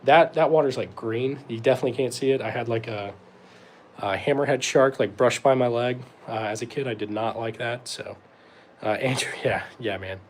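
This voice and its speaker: A man's voice: medium pitch, moderate pace, a little hiss or hum. Laid-back young man rambling through chat questions. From North Carolina. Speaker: host answering live chat questions. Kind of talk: casual livestream Q&A.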